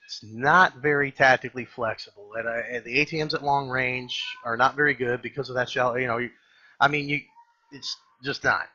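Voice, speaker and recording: A man hosts a casual gaming review with a rough, husky edge to his forceful voice. He rambles and halts, correcting himself as he goes and dropping blunt slang. The microphone sound is slightly dull and lo-fi. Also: medium pitch, steady tone, fairly quick. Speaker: gaming video host. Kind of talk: casual off-the-cuff game commentary and review.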